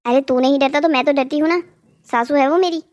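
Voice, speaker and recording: Voice actor doing a timid young cartoon bride. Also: female voice, high-pitched, a little fast, a little mellow, lightly acted. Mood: anxious. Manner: polite, nervous, appeasing. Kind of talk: cartoon story voice acting.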